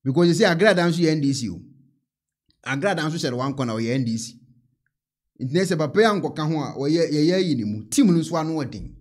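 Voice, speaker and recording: A man in his thirties with a Ghanaian accent comments casually from a small indoor studio into a mic on a stand. His voice sits a little high, and he laughs often and switches between languages. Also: fast. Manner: laughing, animated, mixes in English. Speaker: reaction host.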